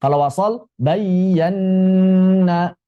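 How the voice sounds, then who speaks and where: A man teaching tajwid, explaining quickly and then reciting example words slowly and carefully. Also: high voice, smooth, dry recording, narrow, tinny audio. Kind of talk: Quran recitation lesson.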